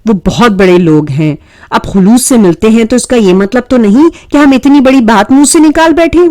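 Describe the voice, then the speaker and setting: A woman's voice: fairly high pitch, lively intonation, a little mellow, no echo, clean studio sound, voice pushed up, natural voice. A woman reading a novel aloud, voicing a proud, affectionate middle-aged mother who scolds and insists firmly.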